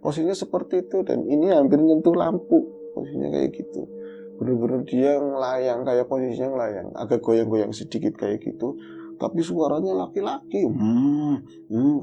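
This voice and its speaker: A man telling a true horror story in casual chat, animated as he acts out his own calls and growls. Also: medium pitch, brisk, gravelly, muffled recording. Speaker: guest storyteller.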